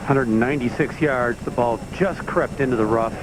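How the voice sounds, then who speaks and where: Male golf commentator amid very loud noise. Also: mid-range voice, normal speed. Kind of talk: short live shot calls. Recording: very noisy outdoor broadcast sound.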